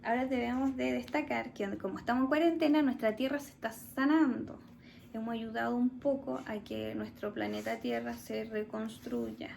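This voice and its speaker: A woman's voice: fairly high pitch, creaky, darkish tone, slight background noise. A woman teacher with a Chilean accent, giving a recorded class to children and explaining patiently step by step while asking her pupils questions. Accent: Chilean Spanish.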